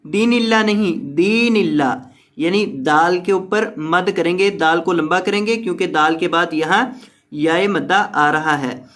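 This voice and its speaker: A man teaching Quran recitation word by word, explaining each rule patiently and then drawing the words out slowly. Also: a little high, a bit bright. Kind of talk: slow word-by-word tajweed lesson.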